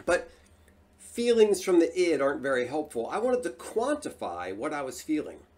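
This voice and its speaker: A man hosting a solo talk, speaking in an animated, emphatic way. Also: fairly high pitch, moderate pace. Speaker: host.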